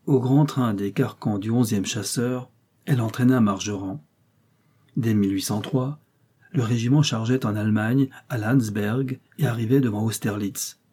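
A man with a low, husky voice reads a classic short story in a measured, unhurried way. His tone is dark and mellow, and he lifts his pitch when voicing the characters' lines. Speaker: narrator. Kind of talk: audiobook reading of a short story.

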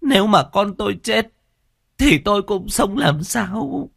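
A man voicing an old village mother who pleads in a high, strained, wailing voice. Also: lively intonation, unhurried, gravelly, fairly bright tone, husky, dry recording, studio quality, full character voice. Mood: pleading, sobbing.

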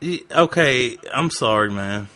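A man speaking through a voice changer that shifts his voice down deep, playing a brash, pushy prank caller who talks in crude bro slang. The sound is bright and edgy, and it is close and dry, with no room around it. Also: expressive, measured pace, no room sound. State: drunk. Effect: voice changer pitching his voice deeper. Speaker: prank caller, radio show host. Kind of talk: prank phone call.

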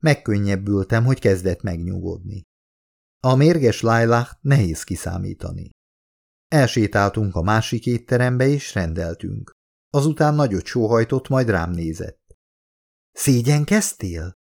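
A male audiobook narrator telling a first-person story with expressive delivery. His voice is low with a gravelly texture and a lively, animated melody.

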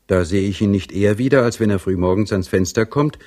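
An earnest young serf who longs for his freedom, as a male reader voices him. He speaks plainly and wistfully in a low, husky voice. It has the pace of a calm audiobook. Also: fast talker, lightly acted.

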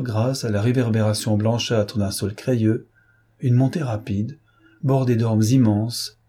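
A man reading a novel aloud as an audiobook narrator, in a measured storytelling manner. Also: medium pitch, dark tone, slightly rough. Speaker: audiobook reader.

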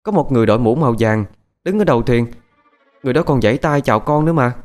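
A man voicing a bright, eager little fisherman's girl in a high, childish pleading voice, for a told ghost story. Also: fast, natural voice.

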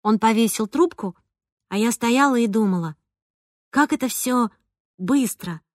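A woman narrating a first-person novel with a lively, expressive reading. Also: fairly high pitch, unhurried, no echo, studio quality. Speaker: audiobook narrator.

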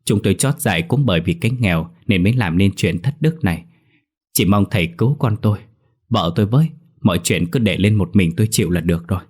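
A man voicing a poor village father who stammers and begs in a rushed, pleading way in a storybook ghost tale. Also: fairly low pitch, lively intonation, a little mellow, breathy edge.

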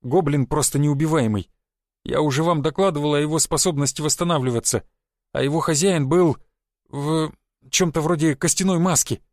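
Brief: grim secret agent, terse and flat, gravelly voice, read by a male narrator. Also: on the high side, moderate pace, no echo, clean studio sound, natural voice. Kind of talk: audiobook character voice.

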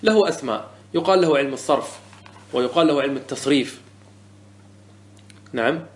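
A man's voice: mid-range voice, fairly quick. A man teaching a lesson on Arabic morphology, asking the class questions and answering them himself. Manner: repeats key words and corrects common mistakes.

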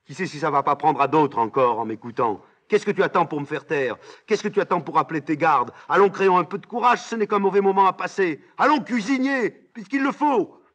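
A man reading a play aloud, voicing a defiant young woman with shrill, mocking outbursts. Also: normal speed, long pauses, fairly bright tone, husky, full character voice. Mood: scornful defiant.

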